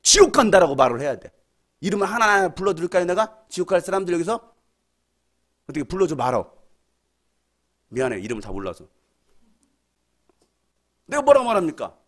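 A man with a Jeolla accent preaches to young people in a church hall, scolding them bluntly. His fairly high voice leaps around wildly, jumping from loud shouts down to low, muttered asides. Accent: Jeolla Korean. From Jeolla, Korea. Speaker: pastor. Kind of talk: fiery youth sermon.

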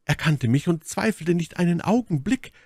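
A proud, scheming noblewoman, as a male reader puts her on speaks in a lifted, dramatic voice full of wide swings of pitch. She pleads and accuses with theatrical force. The audiobook sound is dry and close. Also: expressive, moderate pace, darkish tone, breathy edge, no echo. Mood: fervent.

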